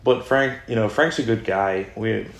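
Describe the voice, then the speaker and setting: A man's voice: lowish voice, moderate pace. A young man co-hosting a podcast from a cold garage, coughing as he recovers and cracking dry, crude jokes. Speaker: podcast co-host. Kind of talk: casual banter. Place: unheated home garage. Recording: echoey garage recording.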